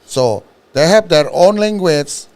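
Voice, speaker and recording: A man from Indonesia with an Indonesian accent, a food truck owner and guest chatting casually in halting, often restarted English and laughing a lot. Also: fairly high pitch, expressive, a little mellow. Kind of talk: casual chat.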